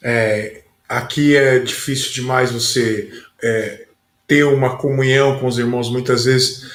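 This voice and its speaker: A man's voice: medium pitch, fairly even intonation, a little slow, fairly bright tone. A man who is a pastor and podcast host, telling folksy anecdotes in a casual conversation. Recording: roomy echoey sound.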